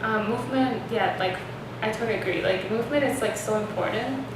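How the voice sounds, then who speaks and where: A woman's voice: fairly high pitch, a little fast. Rambling young woman host in echoey room. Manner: rambling, many fillers like "like". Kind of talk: casual chat. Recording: echoey room, distant mic, noisy.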